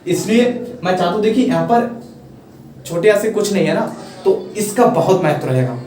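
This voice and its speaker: High-voiced man teaching in an echoey room. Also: lively intonation, normal speed, darkish tone. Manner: patient, repetitive explaining with rhetorical checks. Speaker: English teacher. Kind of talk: explanatory online lesson. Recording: echoey room, voice a bit far from mic, faint noise.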